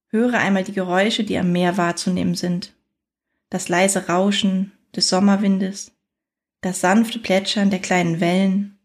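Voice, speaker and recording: Soothing woman guiding a slow relaxation. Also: mid-range voice, a little mellow. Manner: soothing, unhurried, with long pauses between phrases. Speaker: guided meditation narrator. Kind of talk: guided fantasy journey, scripted relaxation narration.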